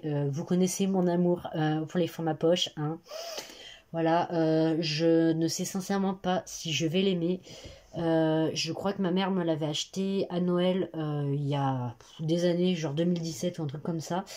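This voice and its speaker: Speaking in a low, mellow voice, a teenage girl booktuber rambles hesitantly about her upcoming reads, filling pauses often. It's a casual chat filmed on her phone camera in her bedroom at her parents' home.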